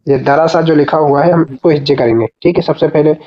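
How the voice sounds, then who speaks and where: A man teaching reading in a recorded online lesson. He patiently spells syllables out slowly and calls his listeners brother. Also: on the high side, steady tone, dull audio, a little hiss or hum.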